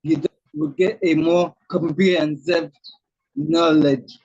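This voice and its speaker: An author appearing as a guest on a video call earnestly shares his personal story, his voice shaking from a throat tremor. It sits on the high side, steady, slow, slightly mellow and breathy with vocal fry. The call audio is muffled and lo-fi, with no room sound.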